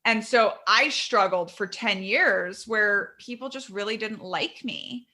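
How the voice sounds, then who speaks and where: A woman in her thirties speaks candidly in an interview, her voice bright and forceful. She tells her story quickly and with animation, often restarting her sentences. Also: medium pitch. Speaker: guest author. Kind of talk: conversational interview.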